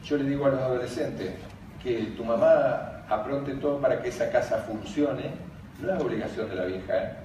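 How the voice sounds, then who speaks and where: A man's voice: medium pitch, normal speed, warm tone. An older man with an Argentine Spanish accent gives a conference talk. He tells funny stories and laughs as he speaks. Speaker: speaker on emotional education, former teacher. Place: large conference hall. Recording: very echoey hall, distant, background noise.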